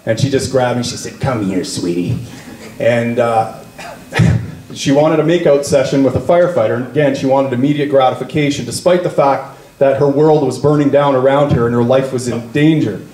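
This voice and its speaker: A man leading a political party, speaking at a party meeting and telling a story, slowing down to lean on key words. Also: mid-range voice, fairly even intonation, warm tone. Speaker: party leader. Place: meeting room. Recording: echoey meeting room.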